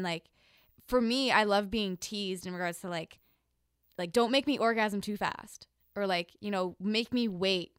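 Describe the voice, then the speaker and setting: A woman's voice: mid-range voice, a bit bright, clean tone, no room sound, clean studio sound. A young woman talking candidly in a casual chat, full of "like" fillers. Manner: frequent "like" fillers, giggly and candid.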